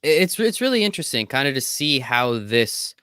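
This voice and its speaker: A man co-hosting a sports betting podcast, talking in an energetic, jokey way and swearing casually. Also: mid-range voice, moderate pace, clear, resonant tone, dry recording, studio quality. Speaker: podcast co-host.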